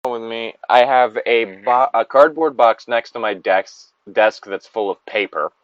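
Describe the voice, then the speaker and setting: A man reads a story aloud alongside a co-host, breaking off into tangents and exasperated swearing. He speaks at medium pitch, a little slowly. The dry recording was made on a dull lo-fi mic.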